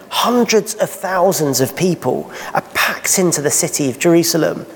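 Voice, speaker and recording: A man preaching a sermon in church, asking rhetorical questions and painting vivid scenes. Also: a little high. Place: church hall. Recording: long hall reverb.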